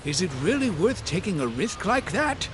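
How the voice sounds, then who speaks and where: An actor playing a cautious companion who frets and voices doubts. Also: male voice, sits high, big pitch swings, normal speed, noisy background. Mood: worried. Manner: fretful, wary. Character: cautious fretful male companion.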